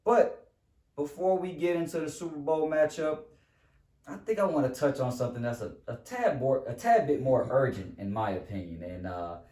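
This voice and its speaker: A man's voice: medium pitch, moderate pace. A young adult man hosting a podcast in a casual, joking way, often tagging lines with "man". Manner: animated, joking, leans on "man" and "what's up". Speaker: podcast host. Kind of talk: casual chat. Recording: roomy sound from a distant mic.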